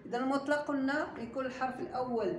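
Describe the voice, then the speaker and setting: A woman with a Moroccan Arabic accent teaching Quran recitation to a class, quizzing her students and slowly drawing out each example word. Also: sits high, a crowd in the background. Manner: patient, slow and drawn out when modelling recitation; quizzes the class and prompts answers. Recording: echoey room with steady background noise.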